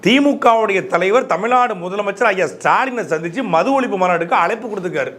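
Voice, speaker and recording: A man's voice: high-pitched, fast, fairly bright tone, faint music behind. A man narrating a political troll video in a mocking, sarcastic commentary style. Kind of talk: casual commentary.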